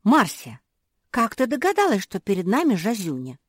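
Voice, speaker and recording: A woman voicing a gentle, sweet-toothed pug seamstress who speaks softly and earnestly. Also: medium pitch, wildly swooping pitch, normal speed, slightly rough, no room sound, studio quality, voice pushed up. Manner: soft, apologetic and earnest.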